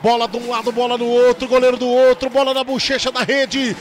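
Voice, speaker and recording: A Brazilian man calling football in an explosive, excited, dramatic play-by-play style, drawing out his goal shouts. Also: very high voice, a little fast.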